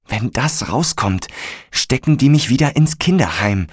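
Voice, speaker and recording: A man reading aloud and voicing a bossy young boy who shouts orders in panic. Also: medium pitch, expressive, a little slow, husky, dry recording, studio quality, voice pushed up. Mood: tense. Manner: shouting commands.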